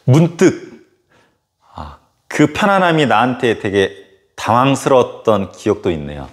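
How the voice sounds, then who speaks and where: A male history teacher tells a story casually during a lecture, animated and full of fillers. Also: medium pitch, unhurried.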